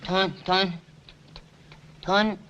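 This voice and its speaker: A jittery, high-voiced young man. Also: animated, fast, sharp tone, highs cut off. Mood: flustered. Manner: nervous, stammering, breathless rush of words. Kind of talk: 1950s film comedy acting. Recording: faint hiss on a 1950s film soundtrack.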